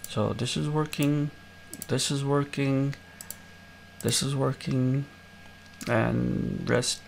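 A man with a gravelly, creaky voice walks through a screen-recorded coding tutorial step by step. He talks in a relaxed way with lots of "uh" and "um" fillers. Faint noise and keyboard typing sit behind him. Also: mid-range voice, slow pace. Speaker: tutorial host.

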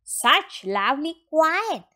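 A fussy male rabbit from a children's storybook, voiced by a woman, fretful and irritable. The voice is high and swings widely in pitch as he pleads for quiet. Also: sing-song, slow, full character voice. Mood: content musing. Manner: fretful, exasperated.

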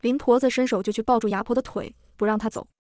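A woman narrating a novel recap in a fast scripted storytelling style, reading evenly and lightly voicing the characters. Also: on the high side, fairly even intonation, darkish tone, no echo, clean studio sound.

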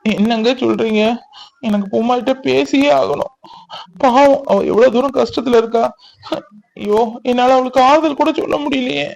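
A woman voicing a gentle, heartbroken young male doctor who speaks softly and consolingly. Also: fairly high pitch, moderate pace, vocal fry. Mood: worried. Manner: soft, consoling.

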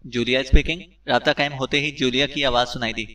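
A man narrating a spy novel audiobook in a steady, even storytelling voice. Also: medium pitch, far from the mic, poor audio.

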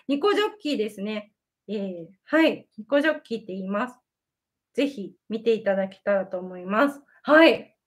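High-voiced young Japanese woman chatting on stream. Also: a bit bright. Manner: chatty, laughs often, many fillers. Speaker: livestream host, idol. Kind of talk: casual livestream chat reading comments. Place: home in Sendai.

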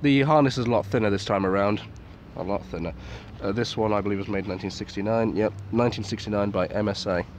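A man with a fairly low voice reviews gear in a casual, off-the-cuff way. He is understated and sweary, muttering asides as he goes. He is recorded outdoors with some background noise. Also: quick pace, hardly any pauses. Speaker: military surplus gas mask reviewer. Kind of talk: casual unscripted product review. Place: outdoors in a garden at night. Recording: clearly noisy outdoor recording.

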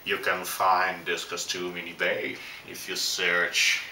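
A man speaking through a face mask while casually reviewing a costume, halting often with pauses. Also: low-pitched, completely flat delivery, noisy background. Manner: halting, with frequent "well" pauses. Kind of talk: casual product review vlog.

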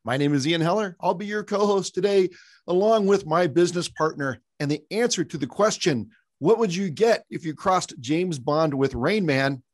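A man's voice: a little high, normal speed, no room sound. A man co-hosting a business webcast, joking with his partner and reading a sponsor message in long lists. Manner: jokey, reads ad copy in long lists. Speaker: podcast co-host.

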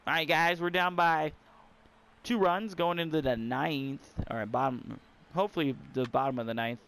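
A young man giving casual, excitable commentary while playing a baseball video game and talking to his viewers. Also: a little high, normal speed, gravelly, clear, resonant tone. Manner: excitable, talks to viewers and the screen. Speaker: gamer.

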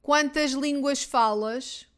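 A Portuguese teacher with a European Portuguese accent runs slow phrase drills for beginners, repeating each line twice. Her voice is high, and she speaks carefully and deliberately, giving each word room.

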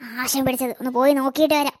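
High-pitched grumbly old granny done by a woman, cartoon, protective and complaining. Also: steady tone, fast, close to an everyday voice. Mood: grumbling. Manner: complaining, scolding.

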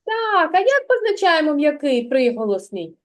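A woman teaching a young child letters and sounds, speaking patiently and clearly and praising often. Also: sits high, sing-song, normal speed. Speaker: kindergarten teacher. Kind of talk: literacy lesson with a child.

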